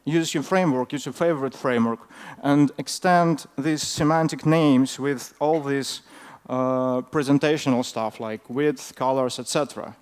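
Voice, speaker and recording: A man who is a non-native English speaker gives an informal technical talk in a hesitant, halting way, often filling his pauses. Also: mid-range voice, clean tone. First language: not English. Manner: hesitant, halting delivery with frequent fillers. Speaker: conference speaker.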